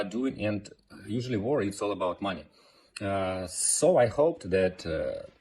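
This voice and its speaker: Deep-voiced Ukrainian man in his thirties. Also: darkish tone, a little hiss or hum. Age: 30s. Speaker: interviewee sharing a personal war story. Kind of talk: informal personal account.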